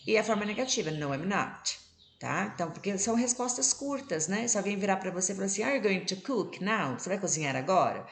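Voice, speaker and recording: Gravelly-voiced Brazilian woman teaching. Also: medium pitch, expressive, fast talker. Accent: Brazilian Portuguese. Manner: explains patiently, checks in constantly. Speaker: English teacher. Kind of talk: recorded online class.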